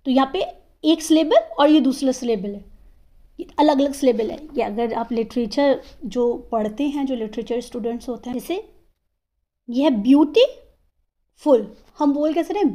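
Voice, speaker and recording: In a classroom-style English grammar lesson, a woman with a high, warm voice explains things patiently. She sounds out example words slowly, syllable by syllable, and often checks in with the listener.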